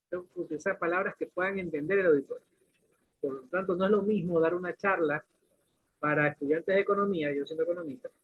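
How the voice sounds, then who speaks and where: This is a high-pitched, slightly rough male voice delivering a classroom lecture. He explains his points through questions and ordinary examples, restarting sentences often, and the audio has a lo-fi, phone-like quality.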